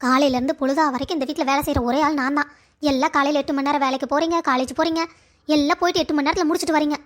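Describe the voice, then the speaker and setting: A woman's voice: sits high, fairly even intonation, very fast, lightly acted. A woman voicing an overworked housewife and mother in a cartoon drama, complaining about her chores. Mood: grumbling. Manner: complaining, grumbling.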